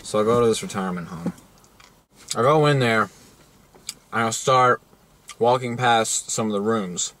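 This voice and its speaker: A man's voice: fairly low pitch, moderate pace, pauses often, fairly bright tone. A young man co-hosting a crude comedy show, telling rambling joking stories with slang and filler. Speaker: co-host.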